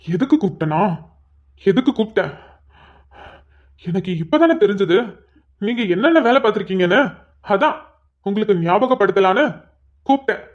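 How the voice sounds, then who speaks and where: In cartoon voice acting, a woman plays an angry, domineering young husband who barks harsh orders, furious, commanding, and rapid. Her voice is medium-pitched and expressive, close to everyday speech, and the lo-fi recording sounds dull.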